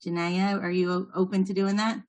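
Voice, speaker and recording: A woman's voice: medium pitch, little pitch movement, a little fast, darkish tone. A woman leading a training session, explaining patiently and encouraging the trainees. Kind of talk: instructional talk to trainees.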